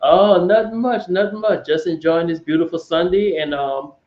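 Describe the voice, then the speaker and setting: A man as a financial guest explaining in a casual chat, measured and hesitant with many ums. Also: fairly high pitch. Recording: roomy, dull remote audio.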